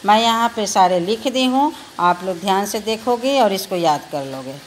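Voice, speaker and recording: A woman's voice: medium pitch, expressive, normal speed, a little hiss or hum. A woman teacher with a Bihari Hindi accent, patiently spelling out letters one by one in a recorded lesson for children.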